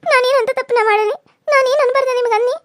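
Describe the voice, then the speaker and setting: Woman doing a young cartoon wife, very high voice, quick argumentative. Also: steady tone, a bit bright, no room sound, studio quality. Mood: protesting. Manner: argumentative, pleading, quick protesting. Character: young village wife, defiant and scheming daughter-in-law. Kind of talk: cartoon serial voice acting.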